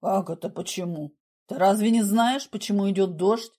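A woman voicing a calm, mocking man. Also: medium pitch, voice pushed down, natural voice. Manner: dry, mocking, unhurried.

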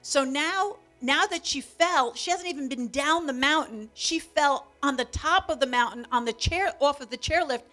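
A middle-aged woman telling a long story about her daughter in a lively, animated way, acting out quotes. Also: moderate pace, few pauses, soft background music. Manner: animated, acts out quotes with big pitch jumps. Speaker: co-speaker, mother of the other speaker. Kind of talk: storytelling talk.

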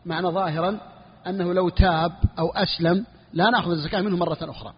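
A sheikh teaching Hanbali jurisprudence explains a religious text in a high, fairly even, rapid-fire voice. He repeats key phrases and each point for his students, checking whether things are clear. The lo-fi recording carries a long, hall-like reverb.

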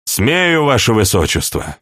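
A man reading an audiobook, voicing a dry-witted, blunt young count in a calm, wry manner. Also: medium pitch, a little slow, dry recording. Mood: cold.

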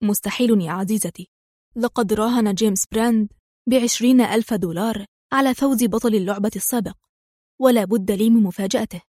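A woman reading the lines of a bold, joking male secret agent, calm and confident in a dry, close recording. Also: on the high side, fast, dry recording, close to an everyday voice. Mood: calm teasing.

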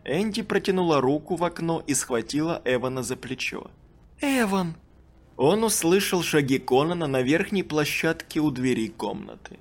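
An audiobook narrator reading a children's horror story and acting out the characters' lines in a raised, excited voice. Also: medium pitch, normal speed, hardly any pauses.

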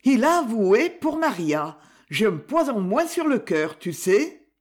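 A man voicing a weary, determined woman in her seventies who asks quiet, insistent questions. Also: high-pitched, big pitch swings, slow pace, voice pushed up, exaggerated voice.

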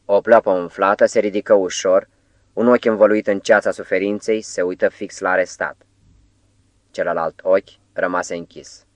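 Male audiobook narrator, very low voice, dry close recording. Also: steady tone, no echo. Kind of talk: scripted narration.

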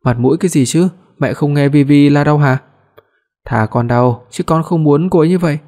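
Một người đàn ông đọc lời của một người chồng trẻ chiều vợ, hay chiếm hữu, nói dứt khoát. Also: male voice, on the high side, moderate pace, dark tone, lightly acted. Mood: frantic. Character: young husband, possessive and doting.

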